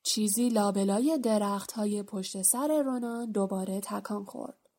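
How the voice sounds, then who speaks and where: A woman narrating a children's fantasy novel as an audiobook reader, with steady, expressive storytelling. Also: medium pitch.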